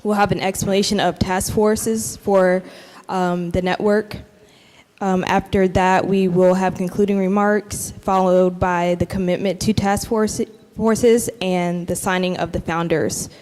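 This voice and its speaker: A woman's voice: mid-range voice, level tone, a little slow, darkish tone. Woman announcing a schedule in a hall. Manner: plain and orderly, with a few fillers. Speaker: event organizer. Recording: long hall reverb.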